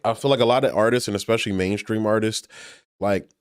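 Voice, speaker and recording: A man's voice: lowish voice, fast, smooth, dry recording, clean studio sound. A man reacting to and reviewing music in a casual, slangy way, full of fillers. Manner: laid-back and slangy, heavy with fillers.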